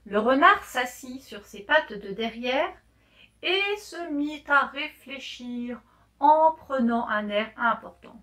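A woman with a high voice slowly reads a children's story aloud for learners, clearly and deliberately, with gentle expression.

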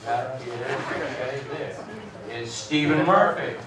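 A man moderating a candidates' forum, slow and deliberate, adding small asides. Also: mid-range voice. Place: school hall, heard from afar. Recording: echoey hall, distant mic, faint noise.

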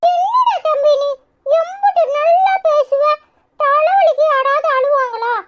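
A woman's voice: very high voice, a little slow. Woman doing a caring cartoon big brother. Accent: Tirunelveli Tamil. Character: caring older brother Arun, a boy. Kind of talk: cartoon comedy voice acting.

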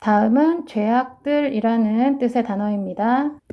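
Woman, English teacher, patient step-by-step explanation, higher voice, dull lo-fi sound. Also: measured pace. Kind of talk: explaining pronunciation. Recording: muffled lo-fi sound.

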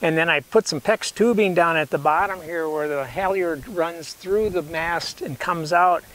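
An older man in his sixties talks through a hands-on demonstration in a loose, folksy way, often restarting and correcting himself. His voice sits a little high. He is outdoors on a lawn, picked up by a camera mic that is sometimes a few steps away. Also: moderate pace, fairly bright tone, low-quality recording. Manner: rambling, self-correcting, folksy. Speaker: canoe builder showing his rig. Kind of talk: casual how-to demonstration. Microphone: camera mic, sometimes far from camera.

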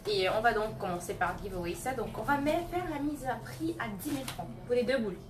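A woman's voice: fairly high pitch, a little fast. A woman running a live online auction of hair extensions, teasing bidders by name and repeating the prices. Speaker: live-stream hair seller. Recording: roomy echo, distant phone mic, faint noise.

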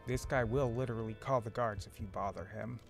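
A man's voice: fairly low pitch, steady tone, fairly quick, creaky, faint music behind. A young man giving casual commentary as he hosts a video game playthrough. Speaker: gamer, let's play host. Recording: loud game audio behind voice.

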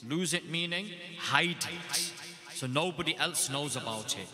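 At a religious gathering, a man with a fairly high, slightly slow voice delivers an emphatic devotional address, stacking short repeated phrases before introducing the scholars. Urdu isn't his first language, and the recording has crowd noise and long hall reverb.

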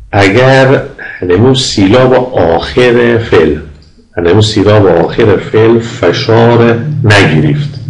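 Deep gravelly man with an Afghan Dari accent. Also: darkish tone, echoey room, poor audio. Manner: patient, repeats example words slowly for pronunciation. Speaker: English lecturer. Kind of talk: recorded lecture.

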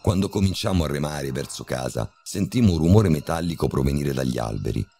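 A man reading a scripted horror story in a measured, steady storytelling manner. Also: extremely low pitch, creaky, slightly rough, soft background music. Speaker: narrator.

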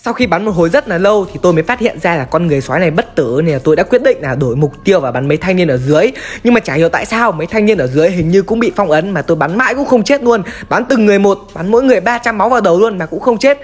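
A man's voice: high-pitched, animated, rapid-fire, few pauses, soft background music. A man narrating his own game-based horror story, chatty and talking straight to his viewers. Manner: chatty, addresses viewers as brothers. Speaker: gaming YouTuber.

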